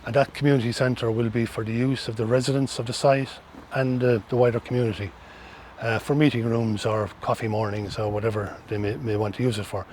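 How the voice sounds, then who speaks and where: A middle-aged Irish man speaks in a medium-pitched voice as he answers interview questions. He explains earnestly, restarting and repeating phrases as he goes. Faint ambient noise sits behind him. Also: steady tone, a little fast, a little mellow. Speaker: interviewee, social housing organisation representative.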